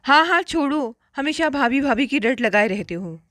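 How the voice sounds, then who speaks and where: A woman's voice: high voice, expressive, normal speed, fairly bright tone, dry recording, studio quality. A woman voicing a practical young wife who teases her husband lightly in a storybook tale. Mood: teasing, concerned. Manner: lightly teasing.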